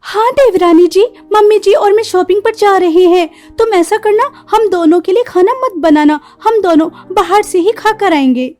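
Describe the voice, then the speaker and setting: A woman's voice: extremely high pitch, moderate pace, hardly any pauses, darkish tone. A woman voicing a spoiled, scheming rich young daughter-in-law in a cartoon story, sweet-talking and sly. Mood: sugary.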